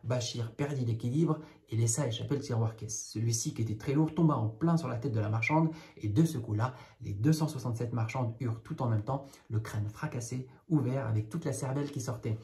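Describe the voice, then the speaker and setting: A man's voice: medium pitch, a little fast, hardly any pauses, mellow. A man reading a children's tale aloud, breaking off now and then for casual, wry commentary. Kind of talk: read-aloud with jokey spoken asides.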